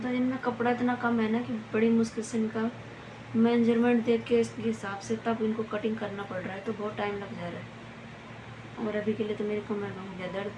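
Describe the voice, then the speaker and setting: A woman's voice: mid-range voice, noisy background. A woman chatting casually at home in a vlog, rambling through everyday stories as a mother. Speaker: vlogger mother. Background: background music.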